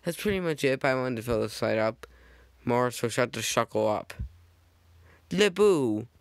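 A man's voice: mid-range voice, expressive, normal speed, creaky, no room sound. A man casually narrating a fan-made slideshow, rambling with jokey asides and frequent self-corrections on a close microphone.

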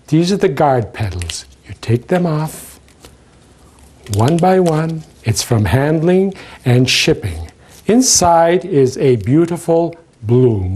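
A middle-aged floral consultant with a medium-pitched, warm, slightly rough voice shows the viewer step by step how to prepare flowers. He speaks emphatically and slips in small jokes as he works through the hands-on demonstration.

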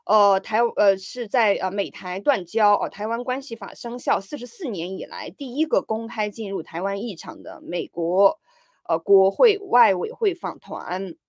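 A woman giving casual political commentary, animated, with frequent fillers and pointed rhetorical questions. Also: medium pitch, moderate pace, no room sound, clean studio sound.

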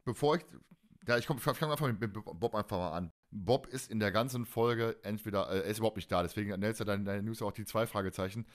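Talking fast in a lowish voice, this podcast co-host recaps an audio drama in a relaxed, meandering way. He speaks colloquially and keeps doubling back on what he's just said.

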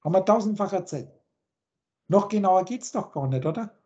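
A woman's voice: mid-range voice, animated, fairly quick, mellow, muffled recording. A woman on a video call, teaching in a lecturing way and listing word after word with their meanings. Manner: lecturing, lists words and meanings in long chains. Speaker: teacher explaining word roots.

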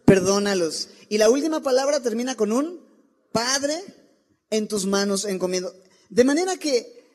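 A man's voice: extremely high pitch, a little mellow, breathy edge. A man, preaching a sermon in a church and asking his listeners many rhetorical questions. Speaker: pastor. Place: church sanctuary.

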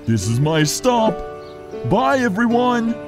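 A man's voice: very high-pitched, big pitch swings, slow, heavily acted. A man voicing a friendly, drawling cartoon character in a children's show. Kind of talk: animated preschool cartoon dialogue. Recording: music bed under the voice.

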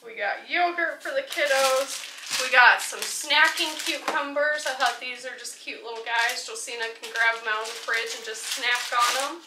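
Speaking at a moderate pace in a high-pitched voice, a vlogger mom in her thirties talks through her grocery haul at home, frequently laughing over each item. The audio comes from a camera across the dining table, so it sounds distant, roomy, and noisy.

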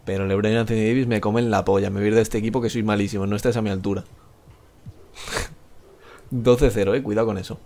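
This live-streaming gamer talks rapid-fire with hardly any pauses, in a low, level, darkish voice with vocal fry and some background noise. With his Spain Spanish accent, he rambles through the gameplay, jokes at himself and swears a lot.

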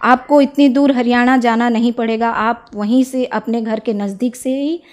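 A young woman from Odisha, giving an earnest, persuasive testimony as an interview guest and often pausing on filler sounds. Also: a little high, steady tone. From Odisha, India. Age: young adult.

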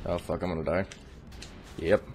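A man's voice: deep voice, fairly even intonation, moderate pace, a little mellow, breathy edge. A man hosting his gaming channel, giving casual, rambling gameplay commentary full of profanity. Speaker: YouTube gaming channel host.

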